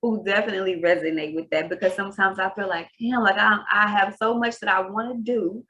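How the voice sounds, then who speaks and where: Speaking a little fast with a steady, sharp tone at medium pitch, a woman from Texas hosts a podcast interview. She's relaxed and meandering, and laughter comes easily to her.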